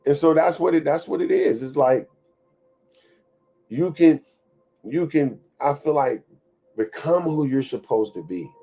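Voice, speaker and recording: A man's voice: on the high side, animated, measured pace, long pauses, warm tone, faint music behind. A man in his thirties hosting a motivational talk. His delivery is preachy and conversational, and he repeats phrases for emphasis. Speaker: show host.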